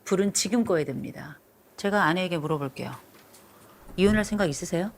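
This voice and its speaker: A woman's voice: on the low side, expressive, fairly quick, a little hiss or hum. A middle-aged woman counseling a couple on television, stern and lecturing, repeating her instructions firmly. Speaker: marriage counselor. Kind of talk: blunt counseling session on TV.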